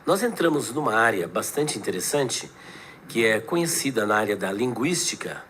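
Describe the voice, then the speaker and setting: Bright-voiced pastor lecturing. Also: male voice, mid-range voice, a little hiss or hum. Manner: didactic, explains word origins step by step. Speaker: pastor and guest. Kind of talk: podcast debate.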